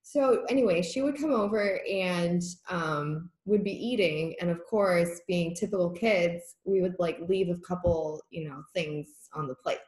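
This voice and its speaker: Speaking a little slowly with few pauses, this young woman has a low-ish, slightly mellow voice. She's a Korean-first-language guest from Massachusetts in the US, chatting reflectively and rambling from home, with frequent laughter and fillers. The video call laptop mic leaves a roomy echo.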